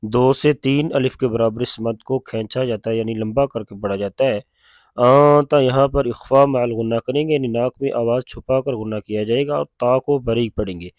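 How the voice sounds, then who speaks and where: A man with an Urdu accent teaching Quran recitation, chanting verses slowly and then explaining the rules in quick plain speech. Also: mid-range voice, steady tone, darkish tone, no room sound. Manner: alternates slow drawn-out recitation with quick spoken explanation. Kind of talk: tajweed lesson with slow recitation.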